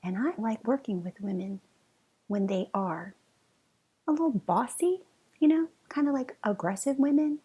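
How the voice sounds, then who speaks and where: Husky, mellow woman chatting on a podcast. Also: fairly high pitch, animated, moderate pace. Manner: playful, addresses listener directly with questions. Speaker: podcast host and relationship coach. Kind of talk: casual chatty solo podcast monologue.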